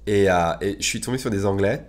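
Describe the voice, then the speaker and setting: Teacher drilling English phrases. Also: male voice, fairly low pitch, brisk. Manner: conversational, many filler "euh"s. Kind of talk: bilingual English lesson in French.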